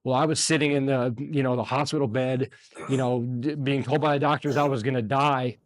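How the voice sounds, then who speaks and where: A man's voice: mid-range voice, fairly even intonation, brisk, dry recording. A man in his forties from the United States talks in a loose, rambling way, leaning on fillers. His voice sits in the middle of the male range. The sound is dry and close. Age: 40s. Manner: loose and rambling, full of fillers, choked up at times. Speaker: guest. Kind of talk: casual interview talk.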